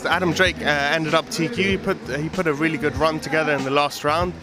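A man's voice: on the high side, steady tone, quick pace, music in the background. A man organising an event, answering interview questions in a big hall, hesitant with many fillers. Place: large indoor event hall. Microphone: handheld mic.

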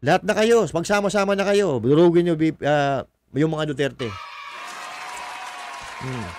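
A man's voice: on the high side, a little slow, crowd noise, noisy background. A man doing casual political commentary on a livestream, mocking and combative, swearing and reading viewer comments aloud. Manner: mocking, combative, swears, laughs at own jokes.

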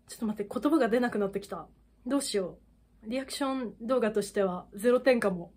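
Excitable woman reacting to a music video. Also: fairly high pitch. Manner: excitable, gasping exclamations. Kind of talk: casual reaction commentary.

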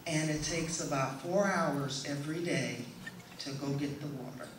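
Speaking in a deep voice, a middle-aged woman gives a prepared testimonial to an audience from a hall's indoor stage, keeping her delivery measured and deliberate. A far-off camera captures her through a stand microphone, leaving the recording echoey with a little faint noise.

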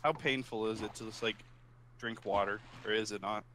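A man's voice: fairly low pitch, steady tone, normal speed, sharp tone, slight background noise. A young man chatting casually over a game with teasing, sweary banter. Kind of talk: casual chat while gaming.

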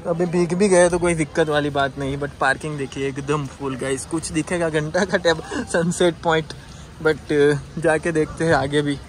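A young man talks casually to his viewers as he walks around a foggy hilltop. His voice sits a little high, and he keeps calling out to the audience in a loose, chatty way. The sound comes from a handheld phone outdoors, with clear background noise behind him. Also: fairly even intonation, moderate pace. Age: young adult. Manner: chatty, addresses viewers as guys. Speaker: travel vlogger. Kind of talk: casual travel vlog. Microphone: handheld phone at arm's length.

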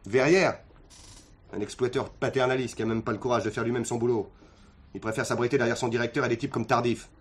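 A man's voice: medium pitch, fairly even intonation, quick pace, close to an everyday voice. An actor playing a defiant militant man under arrest who mocks the police and preaches politics, in 1970s TV drama style. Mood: preachy. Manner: mocking, clowning, preachy.

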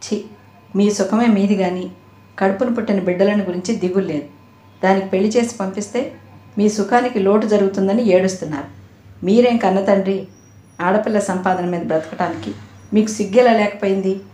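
A woman's voice: medium pitch, fairly even intonation, a little fast, lightly acted. A woman voicing an irritable, tired middle-aged mother who scolds her husband, recorded in an echoey room. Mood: irritated scolding. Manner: sharp, scolding.

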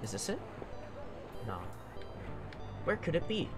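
A man's voice: fairly high pitch, very animated, slow. A man giving casual playthrough commentary, thinking aloud informally as he goes. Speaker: gamer. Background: game music.

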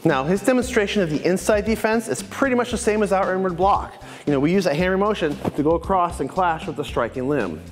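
In an indoor martial arts dojo, a male instructor in his thirties methodically explains and compares blocking techniques as instructional commentary, filmed in a medium shot with a lapel mic. His high-pitched voice is lively and a little fast with hardly any pauses, in a large hall with faint music behind.

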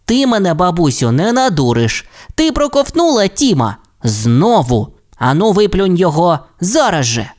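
A sensible little T. rex boy in a storybook tale, as a man puts him on. The voice sits well above a grown man's and moves in lively swings. He speaks firmly and scolds with calm authority. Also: sits high, a little slow, few pauses, pitched above the performer's own voice, exaggerated voice. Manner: firm, scolding.

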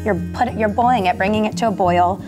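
An enthusiastic woman talks through a kitchen recipe in a casual, chatty how-to manner. Her voice sits at an ordinary middle pitch, with soft music faintly underneath. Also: fast talker. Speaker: food business founder, guest.

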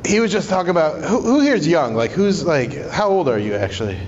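A man's voice: fairly high pitch, very animated, fairly quick, slight background noise. Stand-up comic, male, loose sweary crowd-work banter; muffled live sound in a reverberant room. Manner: casual, conversational, profane. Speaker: stand-up comedian. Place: small live comedy show in a climbing gym. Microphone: handheld stage microphone, recorded from the audience. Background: audience laughter.

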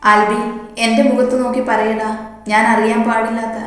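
A woman reading the lines of a suspicious young woman confronting someone in an audio story, sharp and demanding. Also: a little high, flat delivery, moderate pace, faint music behind, close to an everyday voice. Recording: echoey reverberant room.

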